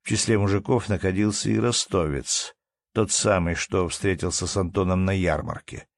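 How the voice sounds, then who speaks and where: A man reading a literary audiobook in a measured, expressive way. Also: deep voice, creaky, no room sound, studio quality. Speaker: audiobook narrator. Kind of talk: scripted literary narration.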